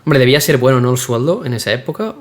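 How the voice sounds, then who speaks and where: A man's voice: mid-range voice, expressive, fast. A man co-hosting a podcast, with a mid-range voice. He asks his questions casually and a little tentatively. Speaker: podcast co-host. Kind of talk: interview questions.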